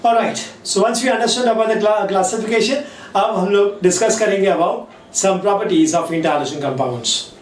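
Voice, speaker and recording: A man with an Indian accent teaching chemistry, dictating key points slowly and word by word and switching between Hindi and English mid-sentence. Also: high voice, slight background noise. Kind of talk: classroom lecture. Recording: echoey room, mic at a distance.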